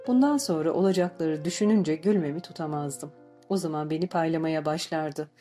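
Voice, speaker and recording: A woman reading an audiobook in measured, steady narration. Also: low voice. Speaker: audiobook reader. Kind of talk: scripted narration. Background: faint background music.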